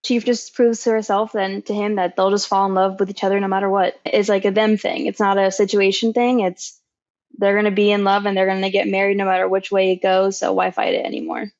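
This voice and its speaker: A woman's voice: medium pitch, level tone, fairly quick, a little mellow, lo-fi sound. A woman on a podcast panel, speaking earnestly and conversationally about a film. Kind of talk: casual film discussion.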